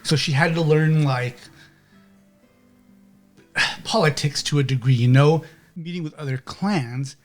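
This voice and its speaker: A male game master with a higher voice who narrates loosely and keeps checking in. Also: unhurried, long pauses, soft background music. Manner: rambling, with many restarts and "okay?" checks.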